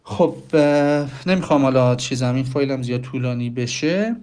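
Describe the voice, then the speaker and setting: A man's voice: medium pitch, darkish tone. Language teacher, male, Persian speaker, chatty explainer who asks questions and answers them himself. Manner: explanatory, talks directly to listeners with rhetorical questions. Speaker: English pronunciation teacher. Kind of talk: casual spoken lesson.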